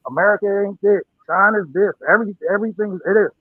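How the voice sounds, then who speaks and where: A man's voice: high voice, steady tone, fast, no room sound. Caller: man, muffled like through a wall, tinny phone-line sound, dry and close, blunt and emphatic. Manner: blunt, emphatic, repeats points. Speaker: first-time caller. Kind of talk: call-in talk show.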